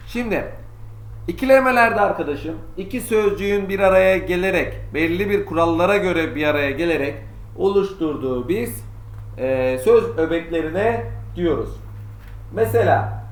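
Male teacher, slightly high voice, chatty online class, poses and answers his own questions. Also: roomy sound, a little hiss or hum. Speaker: Turkish teacher. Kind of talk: online lesson for sixth graders.

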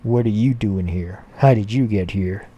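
A man voicing a gloating male demon overlord of hell who speaks low and drawn out. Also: moderate pace, mellow, breathy edge.

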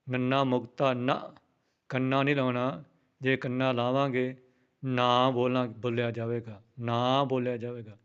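A man giving a slow recitation lesson, chanting verses and then spelling out words in a plain teaching voice. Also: medium pitch, level tone, clean tone, muffled recording. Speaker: Gurbani pronunciation teacher.

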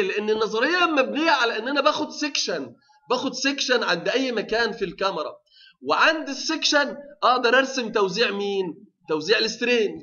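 A man's voice: high voice, bright, forceful tone, dull audio. A male university lecturer with an Egyptian Arabic accent, giving a technical lecture, often asking the class rhetorical questions and restarting his sentences.

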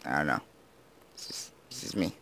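Low-voiced teenage boy gaming vlogger. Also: sing-song, normal speed, creaky, sharp tone, a little hiss or hum. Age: teens. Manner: rambling, self-deprecating, slurs words. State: just woken up. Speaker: gaming YouTuber. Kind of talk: casual gameplay commentary.

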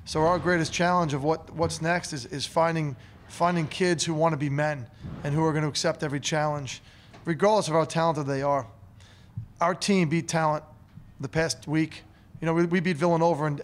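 A man in his thirties, a head coach at a postgame press conference, talking earnestly and emotionally and often repeating words, into a table microphone in a press room. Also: a little high. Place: press room in front of a curtain. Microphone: table mic on a stand.

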